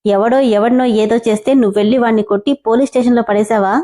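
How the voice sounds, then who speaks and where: A woman's voice: a little high, fairly even intonation, fast, dark tone, natural voice. A woman narrator voicing an arrogant young male boss who talks in a sarcastic, taunting way.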